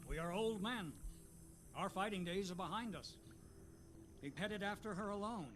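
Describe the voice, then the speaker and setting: An actor playing a retired old general in a video game, proud leader of an order, speaking formally and theatrically. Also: male voice, high voice, moderate pace, background noise, close to an everyday voice. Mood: courteous, resigned. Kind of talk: video game character acting.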